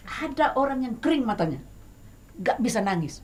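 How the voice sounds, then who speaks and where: A middle-aged woman with an Indonesian Batak accent appears as a guest songwriter in a casual talk show chat. Her voice is on the high side and her speed normal; she hesitates with many fillers yet stays lively and emphatic.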